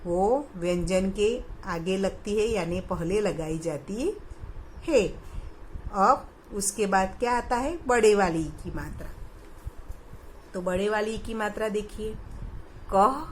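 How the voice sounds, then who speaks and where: In a low-quality recording with a little hiss or hum, a medium-pitched woman teaches a primary school lesson. She patiently asks the children questions and answers them herself.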